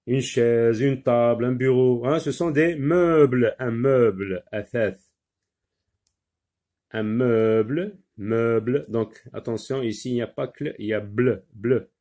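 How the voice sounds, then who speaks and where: A male teacher giving a phonics lesson, pausing often with fillers and repeating words slowly for pupils to copy. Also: on the low side, dark tone. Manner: slow, halting, many fillers, repeats words for drilling.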